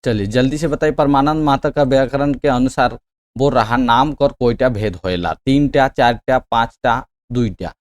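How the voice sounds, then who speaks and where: A man leads an exam-prep quiz lesson at a middle pitch. He reads each question out slowly and loudly. Then he urges his students to answer quickly, checking again and again that they follow. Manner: frequent "theek hai" checks. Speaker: exam coaching teacher.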